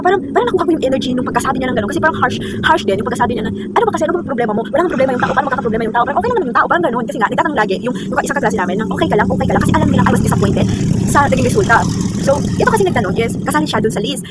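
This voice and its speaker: A woman vlogger rambling in a casual, self-reflective monologue, slipping English words into her talk. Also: fairly high pitch. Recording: loud vehicle noise behind.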